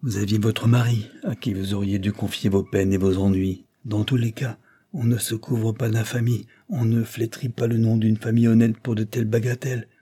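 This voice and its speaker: A man's voice: fairly low pitch, fairly even intonation, normal speed, dark tone, husky. A man reading an audiobook plays a stern older aristocrat, the count, who lectures and reproaches in a severe tone. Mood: reproachful.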